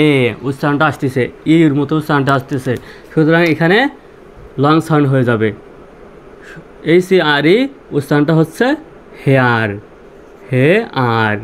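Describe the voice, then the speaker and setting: A man's voice: a little high, a little hiss or hum. A male teacher explains pronunciation rules step by step. He repeats himself and asks questions, then answers them himself. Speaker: English teacher. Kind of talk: spoken language lesson.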